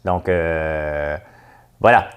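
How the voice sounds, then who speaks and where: A man's voice: very deep voice, very slow, clear, resonant tone. A man with a Québécois accent hosting a casual livestream chat, rambling and stop-start with lots of hesitations. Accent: Québécois French. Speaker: livestream host.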